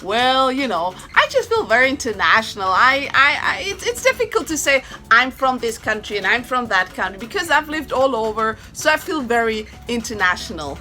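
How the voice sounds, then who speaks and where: Swiss lady vlogging her life story, outgoing and chatty, bright voice with faint music under it. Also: on the high side, big pitch swings, normal speed, few pauses. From Switzerland. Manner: outgoing, chatty, addresses viewers as guys. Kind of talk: personal storytelling to camera.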